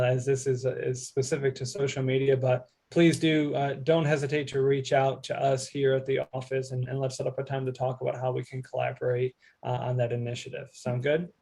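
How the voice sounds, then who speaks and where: A man moderating a webinar on a video call, courteous and brisk. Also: mid-range voice, little pitch movement, creaky, dark tone.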